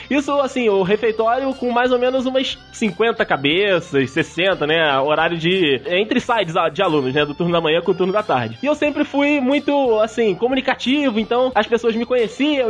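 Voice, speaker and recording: A Brazilian man co-hosting a podcast, telling a personal story in a casual, self-mocking way. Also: very high voice. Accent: Brazilian Portuguese. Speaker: podcast co-host.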